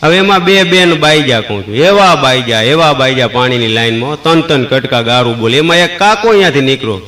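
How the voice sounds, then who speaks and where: A man's voice: mid-range voice, animated, a little fast, bright, forceful tone, a little hiss or hum. A man with a Kathiyawadi Gujarati accent doing stand-up comedy, telling folksy anecdotes and acting out the dialogue.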